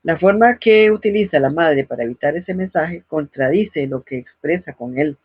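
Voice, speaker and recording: A woman's voice: sits low, animated, normal speed, slightly rough, no room sound. A middle-aged woman hosting a parenting advice talk in a didactic way, now and then acting out scolding parents. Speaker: host. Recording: dull, lo-fi dry recording.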